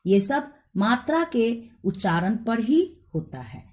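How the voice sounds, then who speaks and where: A woman's voice: fairly high pitch, sing-song, slow, darkish tone. A woman teacher giving a Hindi grammar lesson, spelling out each letter and vowel sign one by one.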